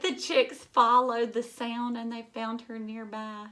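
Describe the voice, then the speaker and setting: Reading a picture book to children, this woman speaks in a slightly high voice at a measured pace. She's expressive and emphatic, tossing in asides and questions for the kids.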